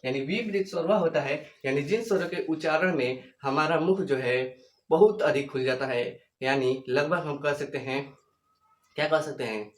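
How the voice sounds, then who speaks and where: A young man gives a whiteboard grammar lecture, repeating himself and asking and answering his own questions, stretching out the sounds he demonstrates. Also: fairly high pitch. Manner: repetitive, asks questions and answers them himself; slow, drawn-out demonstration of sounds. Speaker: teacher. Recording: echoey room.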